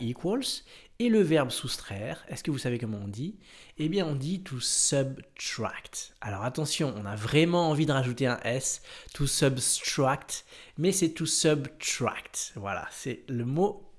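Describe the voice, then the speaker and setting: A man's voice: medium pitch, darkish tone. A French-speaking man teaching a lesson, patient, spelling out words letter by letter. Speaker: English teacher. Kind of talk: explaining a lesson.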